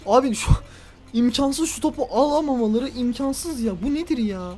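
A man giving let's play commentary on a football video game, ranting at the referee and swinging between loud outbursts and low grumbling. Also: expressive, moderate pace. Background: faint background music.

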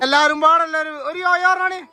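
A man with a Malappuram Malayalam accent, vlogging outdoors at a family gathering and loudly ordering and teasing his relatives. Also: very high voice, little pitch movement, fairly quick. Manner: loud, bossy and teasing, calling out orders. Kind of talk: casual vlog, herding relatives. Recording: busy crowd noise behind.

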